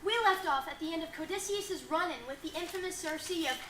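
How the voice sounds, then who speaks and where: A woman's voice: very high-pitched, a little fast. A woman playing a perky dating-show host. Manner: perky, bubbly, announcer-like. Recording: roomy echo, faint noise.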